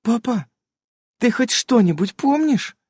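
Storybook girl: a cheeky young daughter, very high and childlike, lively. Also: takes it slowly, husky, no room sound, studio quality, exaggerated voice. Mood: eager.

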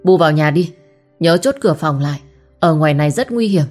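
A woman voicing a firm, protective young village husband who gives quick commands in a storybook reading. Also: low voice, expressive, darkish tone, soft background music. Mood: urgent.

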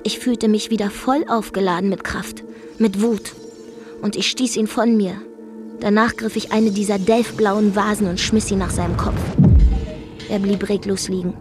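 A woman's voice: mid-range voice, fairly even intonation, normal speed, over music, natural voice. An actress narrating a radio drama monologue as a brash, defiant young woman from Zeeland, with a dry, wry storytelling manner. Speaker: first-person narrator.

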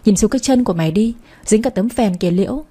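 A woman's voice: medium pitch, expressive, fast, mellow, slightly rough. A woman voicing a spiteful, envious young woman who sneers at her rivals. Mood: sneering.

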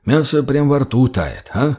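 A man voicing a fat, obsequious slave trader who fawns and placates in a raised, drawn-out voice. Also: very animated, warm tone. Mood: fawning. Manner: wheedling, placating, higher and slower.

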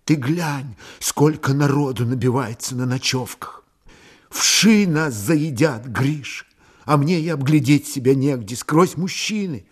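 A man voicing a sick, frightened young Cossack woman who speaks quietly and partly in a whisper. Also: medium pitch, slow, breathy edge.

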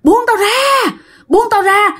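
A woman's voice: slow pace, full character voice. A woman doing a frantic possessed young man, shrieking. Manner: shrill, shouting, pleading.

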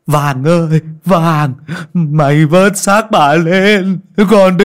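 Narrator doing a grieving old husband, raised and anguished. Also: male voice, on the high side, fairly even intonation, extremely slow, pitched above the performer's own voice. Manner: loud grieving lament. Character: older man mourning his drowned wife.

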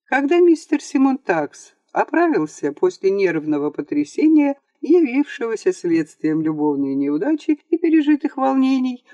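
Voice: mid-range voice, big pitch swings, moderate pace, hardly any pauses, mellow, dry recording, dull audio. An audiobook reader narrating a comic story in a wry, theatrical way. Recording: dry home-studio voice-over.

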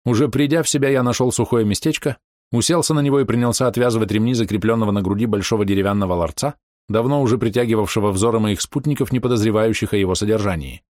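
A man narrating a fantasy audiobook in the first person, measured and descriptive. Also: on the low side, a little mellow, no echo, studio quality.

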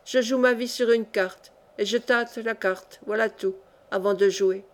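A shrewd young rebel clog-maker gives orders in a cool, deliberate way, as a woman narrator reads him. The voice is a little high. It is commanding but never loud, the way a storybook reading sounds. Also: steady tone, close to an everyday voice.

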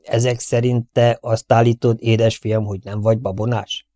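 A man's voice: mid-range voice, level tone, mellow, no room sound, natural voice. A man voicing a blunt, impatient one-armed army captain who interrogates a young soldier in an audiobook reading. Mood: gruff, interrogating.

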